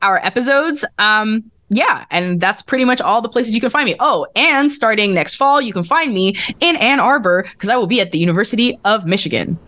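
A woman's voice: medium pitch, expressive, a little fast, hardly any pauses, a bit bright. A woman explaining things casually as a podcast guest, in an informal, slangy way. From outside the US. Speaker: podcast guest, research scientist.

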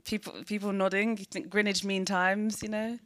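A woman's voice: mid-range voice, level tone, moderate pace, fairly bright tone. A woman with a south London accent giving an informal, chatty spoken presentation. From south London, England. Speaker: church team member co-presenting a talk.

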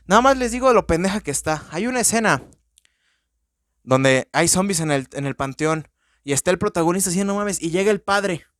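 A man with a Mexican accent hosting a podcast, rambling through a casual, profane, excitable movie-review monologue. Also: sits high, brisk, no room sound, clean studio sound. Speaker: podcast host.

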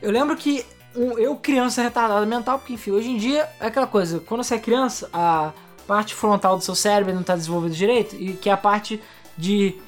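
A woman's voice: mid-range voice, fairly quick, soft background music. A young adult woman with a Rio de Janeiro accent, co-hosting a casual podcast and telling stories animatedly, acting out both sides of a conversation. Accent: Rio de Janeiro Portuguese. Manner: animated storytelling, acts out quoted exchanges. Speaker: podcast co-host.

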